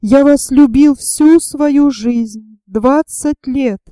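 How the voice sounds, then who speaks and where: A sickly old gentleman, tearful and sentimental, pleading in a breathless, slow way, as a woman narrator voices him. The voice stays high and mellow, smooth and close. No room sound at all. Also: dry recording.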